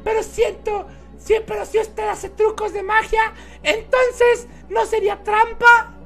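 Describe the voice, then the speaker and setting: A giddy, overeager little girl squeals in a sing-song voice far above her speaker's own, bright and sparkly, as a man puts her on for laughs. She is naive and bouncy, with a faint bed of music behind her. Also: very high voice, little pitch movement, unhurried, pitched above the performer's own voice, full character voice. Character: bubbly, childish young girl, overeager and naive.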